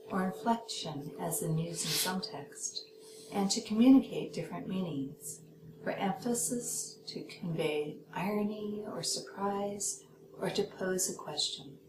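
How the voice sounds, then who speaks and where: A woman with a lowish voice reads a scripted lesson at a measured pace, acting out short example sentences to show how intonation works. The recording sounds roomy and echoey, with steady noise clearly audible underneath. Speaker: podcast host teaching lectors. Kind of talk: scripted instructional reading.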